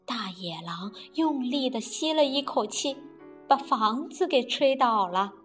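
一位女性用拖长的唱腔式语调给孩子讲童话故事。. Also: female voice, on the high side, animated, faint music behind. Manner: slow, sing-song, drawn-out. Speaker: storyteller. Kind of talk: children's storytelling.

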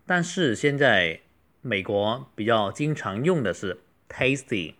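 Guy teaching beginner english, mandarin first language, slow lively model phrases. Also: mid-range voice. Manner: slow, drawn-out model phrases between quick explanations.

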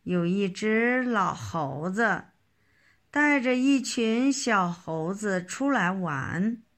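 Lady reading a kids story really slowly, expressive, even mid pitch. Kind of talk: children's story narration.

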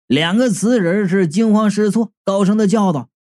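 A reader narrating a comic ghost story as an audiobook, in a lively storytelling tone. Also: medium pitch, normal speed.

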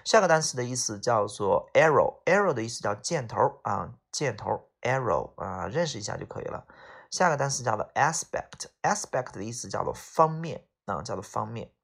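A man teaching English exam vocabulary, explaining each word and slowly repeating the English terms. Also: medium pitch, lively intonation, vocal fry, a bit bright, slightly rough. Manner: explains in Chinese, repeats English words slowly, frequent "OK啊" tags.

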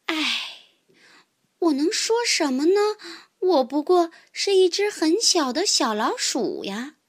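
Woman storyteller for kids: high, very lively voice, slow and expressive. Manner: expressive first-person narration with sighs. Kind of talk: children's storybook reading.

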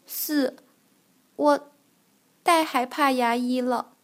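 A woman voicing a small, timid animal with a broken tooth who speaks quietly in a children's story. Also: high-pitched, unhurried.

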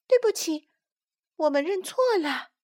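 A woman voicing a chorus of small, eager tadpole children in a storybook reading, with a high, pleading tone. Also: big pitch swings, unhurried, heavily acted.

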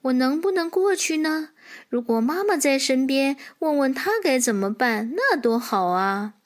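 A woman voicing an eager but timid young foal in a children's storybook, with a bright childlike voice. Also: extremely high pitch, a little slow, voice pushed up. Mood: unsure.

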